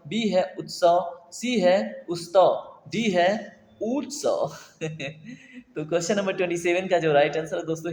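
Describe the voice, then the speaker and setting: A man's voice: fairly high pitch, darkish tone. A man teaching Hindi spelling for an exam, chatty and quizzing his viewers, often checking they follow. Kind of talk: online exam-prep lesson. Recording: echoey room with long reverb.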